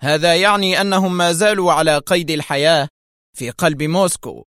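A man playing a stern male intelligence director in an audio story. His speech is tense and deliberate, firm and guarded, recorded dry with no room sound. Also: fairly high pitch, dry recording, voice pushed up, lightly acted.

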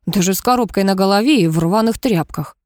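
A woman narrates an audiobook with a wry, ironic touch. Her voice is mid-pitched and recorded close on the mic, dry with no room sound. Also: fast, darkish tone, no echo.

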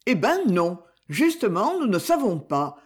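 A woman reading aloud, voicing a lively, outspoken woman who speaks cheerfully and emphatically. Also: mid-range voice, a little slow, breathy edge.

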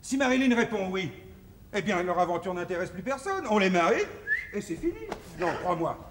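Male, high voice, pompous, exasperated show-business schemer; 1960s film comedy, echoey, noisy old soundtrack. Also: sing-song, a little fast, fairly bright tone, far from the mic. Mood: dramatic lecturing. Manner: theatrical, exasperated, emphatic, declamatory. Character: excitable, scheming, self-important male show-business publicist.

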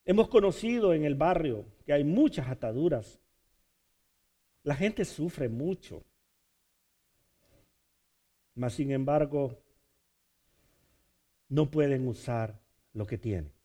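Male pastor, high and lively voice, unhurried delivery, sermon with rising repetitions. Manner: preaching with rising, shouted repetitions and slow, drawn-out emphasis.

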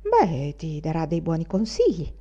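A woman's voice: deep voice, huge pitch swings, normal speed, dark tone, heavily acted. A woman reading the lines of a fussing, scolding old aunt in an insistent way for an audiobook. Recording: dull lo-fi recording.

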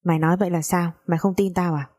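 A woman's voice: on the low side, fairly even intonation, racing, a little mellow, lightly acted. A woman voicing a greedy, bullying older mother who curses and scolds coarsely, in a storybook reading. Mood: scolding.

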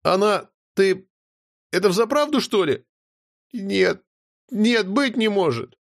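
A man voicing an indignant, hot-tempered young female unicorn in an audiobook, pushing his pitch high and exclaiming. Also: expressive, slow, vocal fry, exaggerated voice. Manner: raised, strained falsetto-like pitch, exclamatory. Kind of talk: audiobook character voice.

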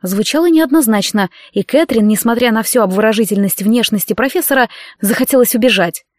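A woman narrating a romance audiobook in an expressive storytelling manner. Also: on the high side, a little fast, no room sound, studio quality.

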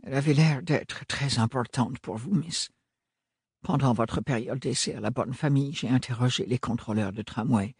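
A man voicing a timid, soft-spoken young man, a son who talks hesitantly and in a murmur. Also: medium pitch, normal speed, husky, no room sound, studio quality. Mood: earnest.

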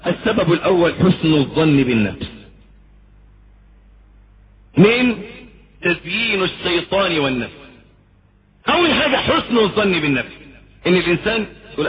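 A man with an Egyptian accent giving an impassioned sermon, swinging between pleading and booming. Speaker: preacher. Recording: muffled lo-fi lecture recording with faint hiss.

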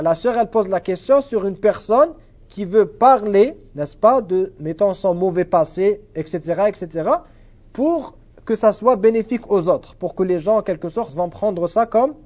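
A man's voice: high voice, lively intonation, moderate pace, a little mellow. A man teaching a religious class and answering questions, earnest and repetitive, sprinkling Arabic phrases into his French. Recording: dull lo-fi sound.

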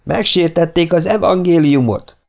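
A man voicing a zealous male friar who shouts harshly in an audiobook reading. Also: fairly high pitch, gravelly, voice pushed up. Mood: furious.

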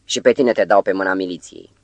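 Guy reading angry young poet, low voice, yelling accusations, dry sound. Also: dry recording, muffled recording, lightly acted. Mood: furious. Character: furious young male poet chasing a stranger.

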